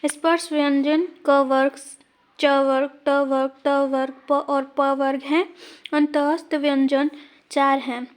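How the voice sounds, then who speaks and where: Woman teacher, exam-prep grammar lesson; slow, deliberate, points at examples as she goes. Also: sits high, level tone.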